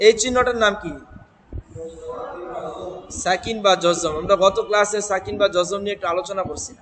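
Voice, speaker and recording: A man teaching Quran reading, chanting verses slowly and drilling students on letter sounds. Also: high-pitched, in a large hall, a crowd in the background, poor audio. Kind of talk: Quran recitation lesson.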